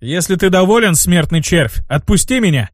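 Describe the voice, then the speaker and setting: A man's voice: high-pitched, lively intonation, moderate pace, no echo, pitched above the performer's own voice. A haughty demon lord, as a man reads him, barking commands with contempt in a slightly raised voice. The audiobook sound is dry and close. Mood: commanding. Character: imperious male demon, roaring and haughty.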